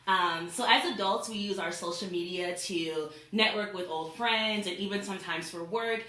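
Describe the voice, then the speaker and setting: A young adult woman, a college student, gives an informal persuasive speech in a classroom, addressing her classmates directly. Her voice is lowish with a fairly bright tone, and a camera across the room records it with classroom echo.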